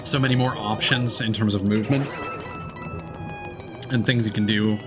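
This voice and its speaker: With video game music playing behind him, a man streams a game and thinks aloud in casual, rambling commentary as he plays. His voice is on the low side and steady, at a normal speed.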